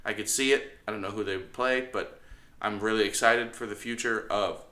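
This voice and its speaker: A man's voice: on the low side, steady tone, fairly quick, bright, forceful tone. A man hosting a casual movie review, rambling and often doubling back on his phrases. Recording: echoey room.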